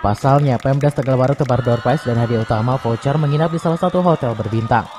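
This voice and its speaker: A man's voice: medium pitch, fast talker, over music, a crowd in the background. A man with an Indonesian accent reading a scripted news report as a field reporter.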